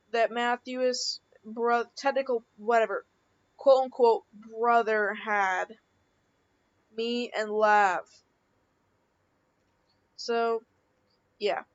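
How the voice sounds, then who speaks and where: A woman's voice: on the high side, lo-fi sound. A woman reading out chat messages in improvised, unscripted commentary, rambling with frequent restarts and fillers. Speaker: channel creator reading screenshots.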